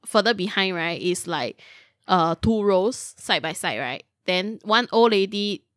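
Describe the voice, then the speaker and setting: A woman's voice: mid-range voice, animated, a little slow, a bit bright, no echo, clean studio sound. A Singaporean woman telling a story casually in Singlish, as a host among friends, full of particles and little checking tags.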